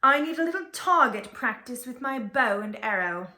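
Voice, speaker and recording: A woman voicing a spoiled, mean young male grand duke, with a shrill, petulant delivery. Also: animated, moderate pace, bright, forceful tone. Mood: sneering.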